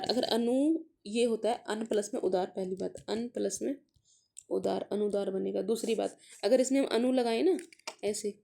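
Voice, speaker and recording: A woman with a mellow, somewhat high voice leads a casual exam-prep grammar lesson. She works through the questions one by one, slowly sounding out letters and words as she explains, and drops English words into her talk. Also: creaky.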